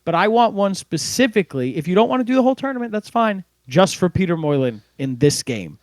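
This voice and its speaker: A man co-hosting a casual sports podcast, telling stories in a lively way and laughing as he goes, close to the mic. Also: high-pitched, brisk, no echo. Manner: animated storyteller, laughs while telling. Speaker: podcast co-host.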